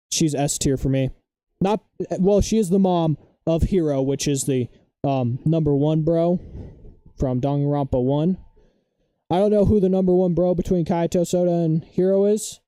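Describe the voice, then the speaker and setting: A young man chatting casually on a live stream, rambling and excitable, loudly defending his opinions. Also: a little high, measured pace, long pauses, smooth, dry recording, clean studio sound.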